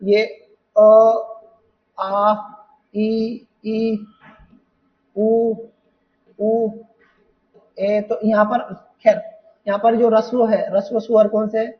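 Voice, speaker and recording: A man's voice: high voice, level tone, very slow, pauses often, recorded from a distance. A man teaching an exam-preparation lesson who explains patiently, repeats points and keeps asking the students rhetorical questions. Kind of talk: exam paper walkthrough lesson. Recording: dull sound, voice from off the mic.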